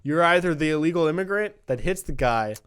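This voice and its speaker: Male podcast host, young, slightly high voice. Rambling, slangy, casual banter. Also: lively intonation, brisk, fairly bright tone, clean tone. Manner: slangy, rambling, hedging with "like" and "dude".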